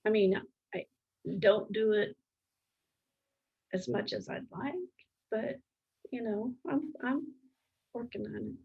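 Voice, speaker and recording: Calm, gentle woman, slow and creaky. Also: medium pitch, dull audio. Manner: halting, searching for words with long pauses. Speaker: interview guest. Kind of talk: reflective interview conversation.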